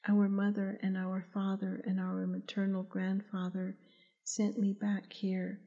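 A woman voicing a resolute, protective young male warrior in a storybook, speaking slow, solemn vows. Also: mid-range voice, completely flat delivery, mellow, muffled recording, lightly acted. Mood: earnest.

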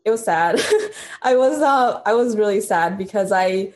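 A woman's voice: mid-range voice, lively intonation, a little slow, darkish tone. A woman in her thirties, originally from Honduras, talking casually as a podcast guest and laughing often. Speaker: guest lawyer.

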